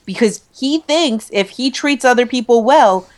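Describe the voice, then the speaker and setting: A female podcast co-host in casual discussion, earnest and measured. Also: a little high, expressive, darkish tone.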